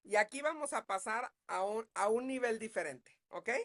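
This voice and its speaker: A psychologist leads a live online parenting class, speaking conversationally and frequently checking in with her audience. Her voice is a little high and expressive, at a moderate pace.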